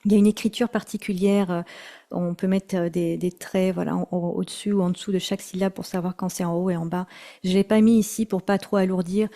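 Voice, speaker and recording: A woman teaching mantra chanting in an online workshop, speaking gently with many hesitations and repeated words. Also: on the low side, fairly even intonation, brisk. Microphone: video call.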